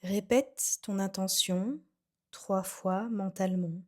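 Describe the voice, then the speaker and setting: Speaking with fairly even intonation and a mid-range pitch, a woman guides a yoga nidra relaxation session. She gives calm, unhurried instructions, letting her phrases fade gently away.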